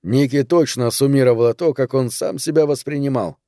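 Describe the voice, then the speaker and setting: A man reading a thriller novel aloud in steady, scripted narration. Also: mid-range voice, brisk, dry recording, studio quality. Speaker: audiobook narrator.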